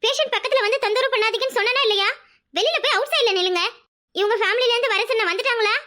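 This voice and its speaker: A woman's voice: very high-pitched, racing, bright, forceful tone. A woman voicing a strict female hospital doctor in a cartoon, scolding and businesslike. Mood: stern. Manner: stern, scolding. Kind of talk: cartoon voice acting.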